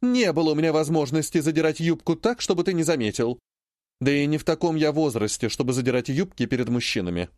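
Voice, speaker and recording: A man's voice: on the high side, lively intonation, fast talker, darkish tone, no echo, studio quality, close to an everyday voice. A man reading an audiobook, voicing a shrewd, indignant old woman, a great-grandmother and healer who laments dramatically.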